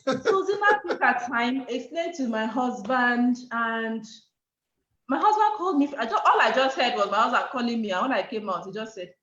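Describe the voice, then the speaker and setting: Animated Nigerian woman telling a story. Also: a little high, moderate pace, slight background noise. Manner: animated, acts out quoted dialogue. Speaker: guest speaker. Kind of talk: storytelling talk. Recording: echoey, dull online call audio.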